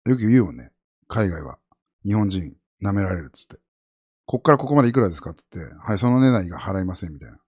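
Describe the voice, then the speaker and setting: With quick delivery and a slightly husky tone, this Japanese male streamer keeps things casual and rambling. He's animated throughout, and his pitch takes huge swings between high and low.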